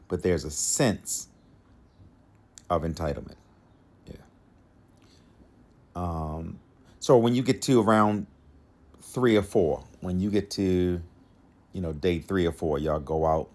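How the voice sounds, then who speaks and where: A podcast host with a low, fairly dark voice offers dating advice in a relaxed monologue. He repeats his key lines for emphasis and chuckles to himself.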